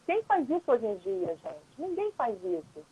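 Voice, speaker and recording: A breathy-edged woman's voice, fairly high and swooping wildly in pitch, moves at a normal speed. She is a lawyer and mediator guesting on a live stream, patiently explaining in casual talk and regularly checking in with listeners. The recording is dry, dull lo-fi stream audio.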